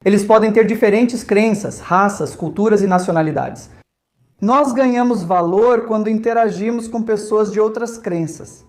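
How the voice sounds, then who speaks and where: Speaking at a moderate pace in a high voice, a volunteer host from India chats informally with visitors, frequently checking that his listeners are following along.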